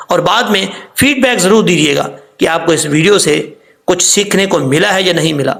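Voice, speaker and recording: A man with a Pakistani accent teaching Quran recitation, explaining quickly, then drawing out recited words and spellings slowly. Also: on the high side, gravelly, fairly bright tone.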